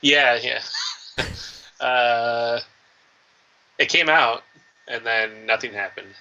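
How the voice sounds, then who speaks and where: A man's voice: mid-range voice, steady tone, takes it slowly, sharp tone, highs cut off. A young man co-hosting a casual gaming stream, giving short replies and laughing often. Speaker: co-host. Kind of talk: casual live-stream chat.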